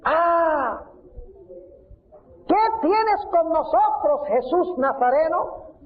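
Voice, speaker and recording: Preacher putting on a crying-out demon, high and stretched out, phone-thin sound. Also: male voice, animated, narrow, tinny audio, heavily acted. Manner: drawn-out, crying out. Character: shrieking male unclean spirit, frightened and hostile.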